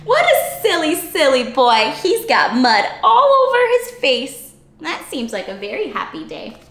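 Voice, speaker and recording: Reading aloud interactively to children, this female story-time host speaks at an unhurried pace with very lively swings in pitch. She's animated and exaggerated, tossing in gasps and playful questions, and the room has an echo.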